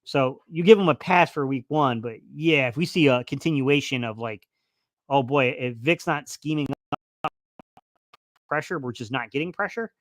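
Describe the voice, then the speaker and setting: At a medium pitch and normal speed, with no echo, a man hosts an easygoing football live stream. He reads the chat out loud and rambles, stumbling through fillers and restarts. His voice is starting to go a little.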